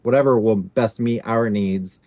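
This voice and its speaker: Man hosting a relaxed video call. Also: fairly low pitch, measured pace, no echo. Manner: relaxed, many fillers like "kind of". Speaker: synod staff leading a video-call orientation.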